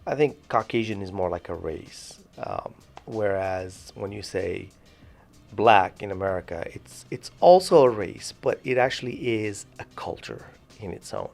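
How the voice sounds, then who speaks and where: A man from Morocco co-hosting a podcast, talking in a thoughtful, halting way with many restarts. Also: fairly low pitch, lively intonation, creaky, darkish tone, soft background music. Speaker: podcast co-host. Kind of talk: casual discussion.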